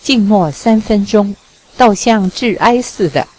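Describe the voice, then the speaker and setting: A shy, guarded young woman who speaks in a bashful, slightly lifted tone, as a woman reading an audiobook voices her. Delivery stays slow and measured. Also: medium pitch, expressive, a little mellow. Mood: polite.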